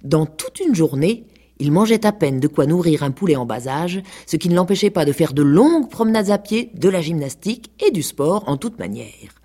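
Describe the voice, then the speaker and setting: A woman with a low, husky voice reads a children's story aloud. Her delivery is expressive and playful, with lively rises and falls in pitch. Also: moderate pace. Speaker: actress reading aloud. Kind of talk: storybook reading. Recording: 1980s radio recording.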